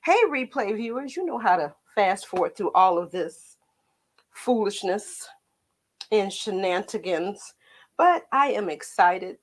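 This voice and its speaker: An American woman hosts a casual livestream in a tinny, faintly metallic voice at an average pitch. She rambles in a chatty way and tosses playful asides to viewers. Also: lively intonation, measured pace. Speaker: art teacher hosting painting livestream.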